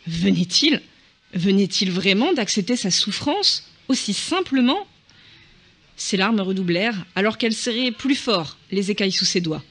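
A man reads a short story aloud in a soft, hushed, measured narration. His voice sits high for a man. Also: expressive. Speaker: reader.

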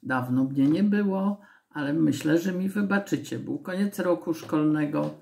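A woman reading a children's story aloud with an expressive, storytelling manner. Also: sits low, normal speed, creaky.

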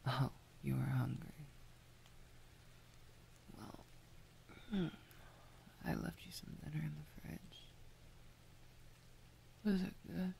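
A half-asleep man talking softly to his partner in an ASMR roleplay, often dropping to a whisper. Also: fairly high pitch, slow, gravelly, pauses often, a little hiss or hum, rough recording. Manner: soft, sleepy, often whispered. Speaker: boyfriend roleplay speaker.

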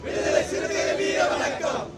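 A man leading rhythmic protest chants through a megaphone, shouting repeated call-and-response slogans at a street protest. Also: very high-pitched, expressive, moderate pace, a little hiss or hum. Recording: distant echoey megaphone with loud crowd.

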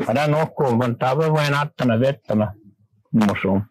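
An older man from Manitoba, Canada, a guest on a radio interview, recalling old times in a rambling, halting way with many restarts. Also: mid-range voice, darkish tone, no echo, poor audio.

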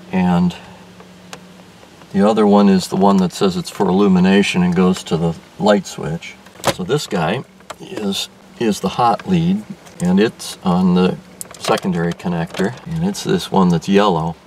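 Deep-voiced and darkish in tone, an older car restoration vlogger keeps a fairly even intonation and a measured pace, pausing often. He casually explains a car radio install while doing it, thinking aloud with many restarts and fillers. He's in a car in daylight, heard through a distant mic with faint background noise.

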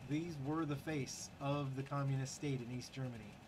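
A man's voice: mid-range voice, steady tone, moderate pace, background noise. A man hosting a gaming channel, giving casual, chatty commentary over gameplay with wry, sarcastic asides and lots of fillers.

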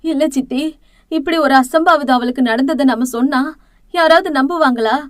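A woman's voice: high-pitched, normal speed, no room sound, studio quality, lightly acted. A woman voicing an anxious middle-aged mother who pleads with worry in an audiobook drama. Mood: worried. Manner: worried, pleading.

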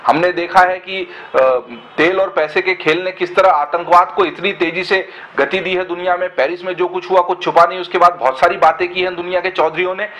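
A man's voice: high-pitched, flat delivery, fairly quick, few pauses, pushed and bright, poor audio. A man giving earnest, argumentative commentary in a web discussion, often asking rhetorical questions.

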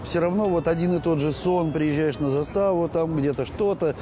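A middle-aged man talks casually and reflectively in an outdoor interview. His voice is fairly high, picked up on a lapel mic with clear city noise around it. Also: normal speed. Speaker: reserve border guard officer being interviewed. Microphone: clip-on lapel mic.

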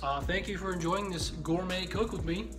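A man's voice: high-pitched, moderate pace, music in the background. Easygoing young man vlogging at home. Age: young adult. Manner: relaxed, joking, easygoing. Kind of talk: casual vlog and stretching instruction. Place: small apartment room, indoors.

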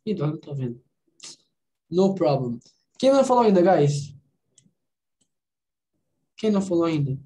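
Brazilian lady english teacher on a video call, lowish voice, mixing english and portuguese, nudging students to talk. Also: sing-song, normal speed, pauses often, mellow. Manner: mixes English and Portuguese, encouraging and corrective. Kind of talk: online conversation class.

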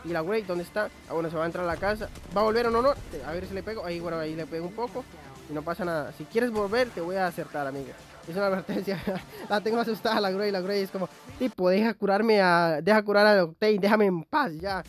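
A young man giving excitable, chatty live commentary on his own gameplay. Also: sits high, quick pace. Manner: excitable, chatty, swears lightly while playing. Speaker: gaming YouTuber.

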